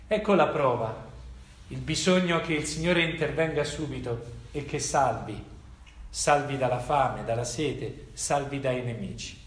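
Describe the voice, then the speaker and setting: A man preaching a reflective sermon, reading scripture and asking rhetorical questions, with frequent pauses to check in with listeners. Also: medium pitch, reverberant.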